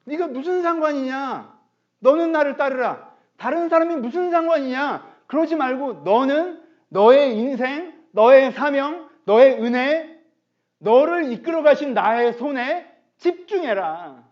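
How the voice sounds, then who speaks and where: A pastor putting on an exasperated Jesus who drills each word out slowly and loudly, his voice riding high and swinging widely. The sound is dull and lo-fi, like an online church stream. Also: animated. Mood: insistent. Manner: loud, slow, emphatic rebuke. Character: exasperated Jesus scolding a disciple.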